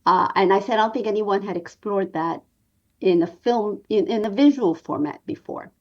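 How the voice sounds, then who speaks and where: This is a woman in her sixties from New York who produces documentaries, recounting her story during an interview. She speaks earnestly and deliberately with frequent pauses, at medium pitch, over dull-sounding audio.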